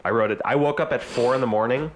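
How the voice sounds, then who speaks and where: A man's voice: mid-range voice, fast, a little hiss or hum. A man co-hosting a podcast, telling a long rambling story in casual chat, full of "like" and "uh". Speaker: podcast co-host.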